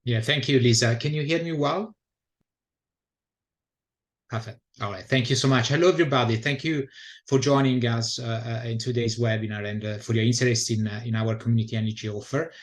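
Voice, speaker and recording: A man's voice: mid-range voice, steady tone, brisk. A middle-aged man from Italy with an Italian accent, presenting his community energy group on a webinar call, with many fillers and restarts. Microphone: video call.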